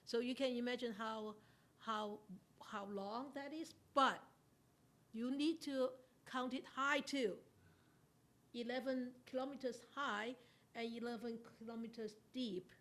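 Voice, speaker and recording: Slow-paced woman teaching Buddhist scripture. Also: fairly high pitch, fairly even intonation, fairly bright tone. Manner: unhurried, questions the class, laughs often. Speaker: Buddhist nun teaching a sutta study class. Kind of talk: interactive Dharma talk.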